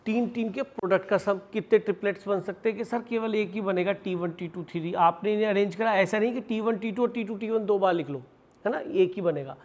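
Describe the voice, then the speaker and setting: High-voiced Indian maths teacher. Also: male voice, fairly quick, a little mellow. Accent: Indian English. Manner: explains step by step, asks and answers his own questions; addresses students affectionately as "beta". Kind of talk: classroom lecture.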